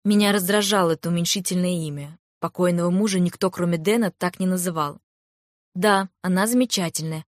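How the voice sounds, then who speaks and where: A woman reading a first-person novel aloud in a calm, even storytelling manner, close to a studio microphone. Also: fairly low pitch, fast talker, few pauses, dry recording. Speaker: audiobook narrator. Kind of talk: first-person audiobook narration.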